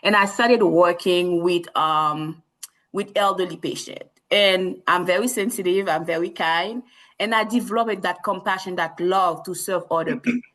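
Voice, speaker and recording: A woman's voice: lowish voice, moderate pace, a bit bright, low-quality recording. A woman from Haiti, a nurse practitioner, speaking earnestly as a podcast guest with many restarts. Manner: earnest, repeats herself, frequent restarts. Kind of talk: interview conversation.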